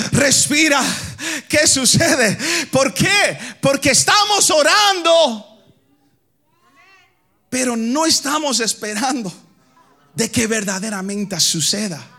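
A man from the Dominican Republic delivers a fervent sermon in a strikingly high, bright and ringing voice. He swings between shouted lines and sing-song chanting, and he keeps turning to the congregation as his brothers. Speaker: preacher. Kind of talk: preaching sermon.

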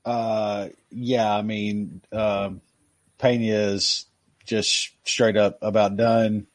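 A man's voice: lowish voice, little pitch movement, very slow, no echo. A man co-hosting a casual sports podcast, giving his betting picks in a laid-back way. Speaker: podcast co-host.

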